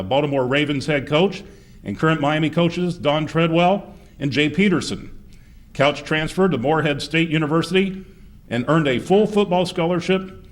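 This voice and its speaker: A man reads a formal introduction as master of ceremonies. His voice sits a little higher than most men's, and he reads at an even, announcing pace. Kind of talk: reading an introduction.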